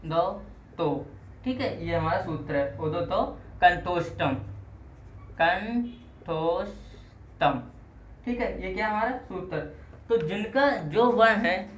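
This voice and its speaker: A teacher giving an exam-prep lesson, who asks a question and then answers it, repeating each key term. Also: mid-range voice. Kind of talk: Hindi lesson on Sanskrit phonetics. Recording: echoey room with faint noise.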